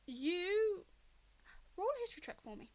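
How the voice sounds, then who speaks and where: A woman narrating as game master, quick and descriptive, with small restarts. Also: very high-pitched, big pitch swings, a little hiss or hum.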